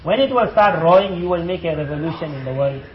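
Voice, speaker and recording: Guy preaching with a story, animated, high voice, kinda dull echoey recording. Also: fast, crowd noise. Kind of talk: storytelling sermon.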